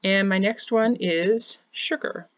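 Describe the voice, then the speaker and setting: A woman in her forties teaches a home-bakery software tutorial from her home, talking steadily through each step. Her voice sits in a middle register. The webcam sound is dry and slightly muffled. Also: mid-range voice, slow, no room sound. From Kansas, United States. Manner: plain step-by-step explaining. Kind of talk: screen-share software tutorial. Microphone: webcam in corner of screen share.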